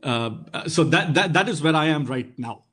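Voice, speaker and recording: A man's voice: fairly high pitch, expressive, normal speed, fairly bright tone, breathy edge. A man with an educated, posh Indian accent giving considered, articulate and formal interview answers, often rephrasing as he goes. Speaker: guest, English teacher and boarding school housemaster.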